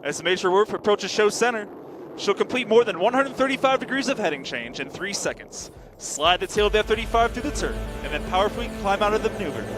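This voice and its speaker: A man delivering scripted air show commentary in a dramatic, measured showman style. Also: high-pitched, animated. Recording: loud music and engine noise behind. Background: loud music, vehicle sounds.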